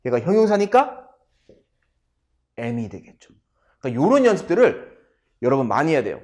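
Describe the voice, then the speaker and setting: Male teacher, slightly high voice, very animated intonation, unhurried delivery. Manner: drills sentences slowly, addresses viewers directly. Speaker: English teacher. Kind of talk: English grammar lesson.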